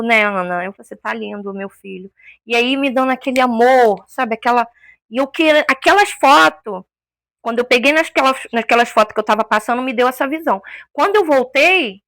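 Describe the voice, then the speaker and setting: A woman's voice: fairly high pitch, a little fast, vocal fry, fairly bright tone, no echo, studio quality. A woman giving an emotional personal testimony as an interview guest, a vivid storyteller who acts out the voices she quotes.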